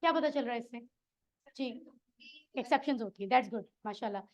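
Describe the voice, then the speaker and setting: Brisk and somewhat high-pitched, a woman runs a Quran Arabic classroom lesson, cheering her students on and testing them with questions. The recording has a dull sound.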